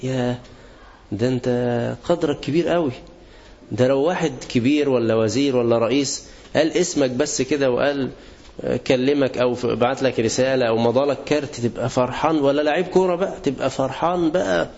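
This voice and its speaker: A man's voice: mid-range voice, brisk, gravelly, a little mellow. A man with an Egyptian accent teaching a religious lesson to students, asking the class questions and answering them himself. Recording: dull lo-fi recording.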